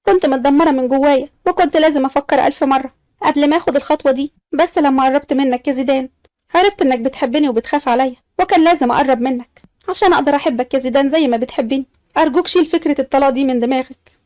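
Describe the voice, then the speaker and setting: A woman's voice: high-pitched, rapid-fire, a little mellow, no room sound, clean studio sound, natural voice. A woman voicing a young wife with an Egyptian accent who speaks in a pleading, coaxing way.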